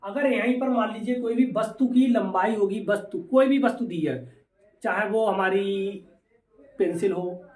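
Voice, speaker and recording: A man's voice: high voice, a little slow, a little mellow, recorded from a distance. Man teaching in an echoey room. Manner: repetitive question-and-answer teaching, mixing English terms. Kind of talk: classroom physics lesson. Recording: echoey room, voice away from mic.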